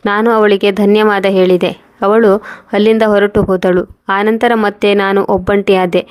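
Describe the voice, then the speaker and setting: A woman narrating a moral story in a steady, even reading. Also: mid-range voice, unhurried.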